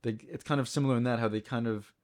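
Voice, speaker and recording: A man's voice: mid-range voice, steady tone, very fast. A man co-hosting a podcast, explaining at length in a chatty, casual way. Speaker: podcast co-host. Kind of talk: casual film discussion.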